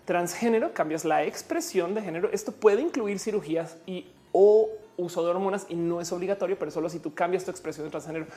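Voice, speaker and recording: A woman's voice: fairly low pitch, fast, few pauses, dark tone, faint music behind. A woman with a Mexican accent hosting a live stream, chatting casually and explaining things as she reads viewer messages aloud. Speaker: live-stream host answering chat. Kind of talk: casual chat.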